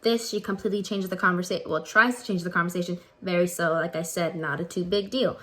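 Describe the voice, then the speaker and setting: A young woman, a student co-director, earnestly reading out an explanation of her scene, slightly hurried. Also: lowish voice, fairly even intonation, bright, forceful tone.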